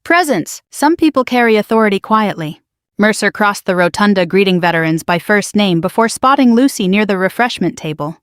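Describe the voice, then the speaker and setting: A woman's voice: medium pitch, expressive, dry recording. Woman narrating a story, dry close mic. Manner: measured, quietly dramatic storytelling. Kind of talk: scripted first-person story narration.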